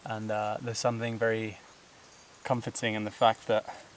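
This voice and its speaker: A man with a fairly low voice vlogs on a steep hillside trail, out of breath from the climb. He rambles in a loose, casual way, full of fillers and quick laughs. A faint buzz of insects hangs behind him. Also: completely flat delivery, a little hiss or hum. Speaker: vlogger. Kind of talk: casual talk to camera while hiking. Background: buzzing insects.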